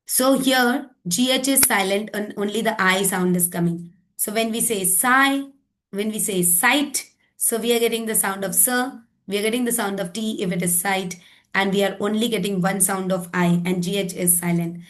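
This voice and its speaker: Slow, deliberate woman teacher. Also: mid-range voice, fairly even intonation. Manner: explanatory, often checks with "right?" and "okay?"; mixes Hindi and English. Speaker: teacher trainer. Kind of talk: online phonics lesson.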